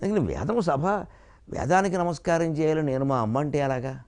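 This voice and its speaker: An older man lecturing on spiritual matters, his voice sitting a little high for a man. He moves between storytelling, quoted voices and slow chanted verse. He chuckles often as he speaks. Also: expressive, a little mellow. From Godavari region, Andhra Pradesh. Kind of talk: Telugu discourse lecture.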